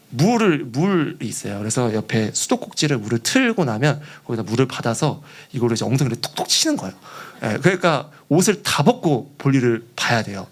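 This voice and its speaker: A young man preaching as a junior pastor in a church, telling a story with animation, acting out quoted voices and laughing along. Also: mid-range voice. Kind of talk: storytelling sermon.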